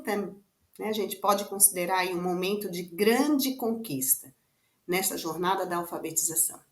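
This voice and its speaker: A woman's voice: mid-range voice, fairly bright tone, echoey room. A woman with a Brazilian Portuguese accent explains children's writing stages to parents in a conversational way, often adding tag questions. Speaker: literacy teacher. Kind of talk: explaining to parents with on-screen examples.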